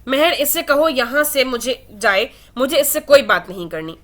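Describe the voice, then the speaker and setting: A woman's voice: sits high, animated, voice pushed up. A woman voicing Aila, an emotional young woman who is defiant and pleading, in a read-aloud romance novel. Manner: defiant, then tearful and pleading.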